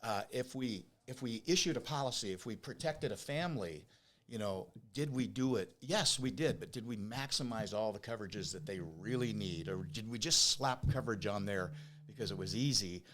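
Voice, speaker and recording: This is a lowish, fairly bright male voice at normal speed, belonging to an Oregon business owner in his fifties or beyond who is being interviewed on a podcast. A whistling s comes from his new teeth. He relates his story casually, repeating himself for emphasis and throwing in rhetorical questions.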